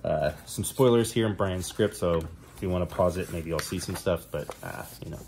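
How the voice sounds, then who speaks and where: A middle-aged man with a New Jersey accent walks through his drawing process in a relaxed, rambling way, full of ums and restarts. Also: low voice, normal speed, slight background noise. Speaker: comic artist. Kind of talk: casual drawing tutorial.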